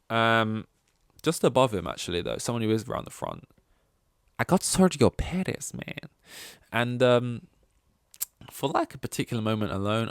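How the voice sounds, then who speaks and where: His fairly low, clean-toned voice comes through in a dry recording with clean studio sound. He's a podcast host delivering casual, opinionated sports rankings, rambling, cursing, sarcastic, and performing mock quotes.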